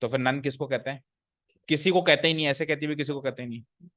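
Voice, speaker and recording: A man's voice: a little high, fast talker, fairly bright tone, no room sound. Man teaching grammar to a class. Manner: explains by repeating and asking the class questions. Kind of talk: classroom lecture.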